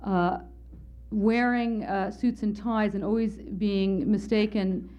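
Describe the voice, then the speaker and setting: A woman's voice: mid-range voice, steady tone, slow pace, a little mellow. A woman speaker at a conference telling a candid, wry personal story as part of her lecture. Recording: slightly muffled lo-fi lecture recording.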